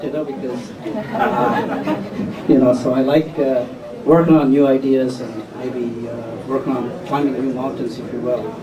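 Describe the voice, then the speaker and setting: A man from India introduces his career at a panel in an easygoing, self-mocking way, pausing often on fillers. He sounds distant from the mic in an echoey hall, with an audience around him. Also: mid-range voice. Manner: relaxed, many fillers and self-deprecating asides. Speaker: panelist entrepreneur. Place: conference hall before an audience.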